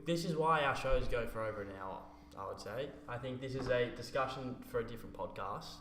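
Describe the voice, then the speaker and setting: A man's voice: mid-range voice, a little fast, a bit bright. A man co-hosting a podcast, drily steering the talk along. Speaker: podcast co-host. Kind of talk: casual chat. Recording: distant mic, echoey, noisy room.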